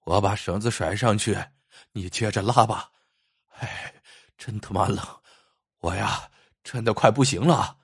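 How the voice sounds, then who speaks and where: A man voicing a scheming county magistrate who is freezing and begging, in a husky, shaky voice for a storybook reading. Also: lowish voice, measured pace, long pauses, no echo, clean studio sound, voice pushed down. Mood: pleading, exhausted.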